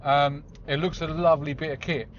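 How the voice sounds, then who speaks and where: A man's voice: on the high side, steady tone, fairly quick. Chatty man in his forties. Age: 40s. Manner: rambling, chatty and self-deprecating. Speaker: vlogger. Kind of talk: casual chat while driving. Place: inside a car on the road. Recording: slightly dull audio with faint road noise.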